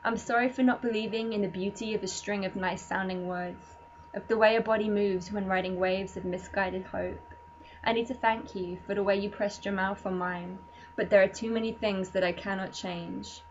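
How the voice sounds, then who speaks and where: A woman in a spoken word poetry reading, her lines measured and deadpan, set in a middle register. The recording is dull and lo-fi, with a low hum sitting faintly underneath. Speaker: poet.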